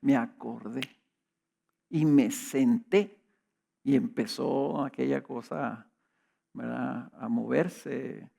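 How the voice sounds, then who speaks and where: Gravelly pastor telling stories. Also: male voice, medium pitch, fairly even intonation, slow, pauses often, warm tone. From Mexico. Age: middle-aged. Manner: conversational storytelling with rhetorical questions. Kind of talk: sermon with personal storytelling.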